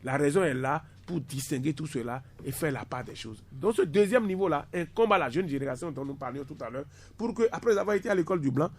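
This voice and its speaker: On a radio discussion, a 50-something university lecturer speaks fast with few pauses, his husky voice pitched high and lively in intonation. He leans on emphasis, often repeating words for stress.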